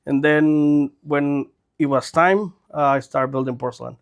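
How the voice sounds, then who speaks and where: A dental technician in his forties, a native Spanish speaker with a Mexican accent, chats casually as a podcast guest telling his story. His voice is a little high and creaky, steady in tone and a little slow, with the highs cut off.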